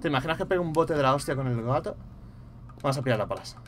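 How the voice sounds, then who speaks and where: A young man with a Spain Spanish accent, commentating a horror game live, muttering to himself and bursting into loud startled swearing. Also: mid-range voice, animated, fast talker, very noisy. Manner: mutters quietly to himself between outbursts. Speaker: gaming streamer.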